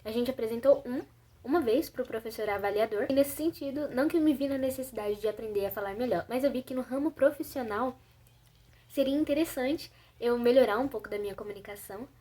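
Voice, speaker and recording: Jovem brasileira contando história, voz aguda. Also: female voice, on the high side, brisk, warm tone. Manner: chatty, self-conscious, many fillers like "tipo assim". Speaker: vlogger. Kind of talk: casual personal storytelling.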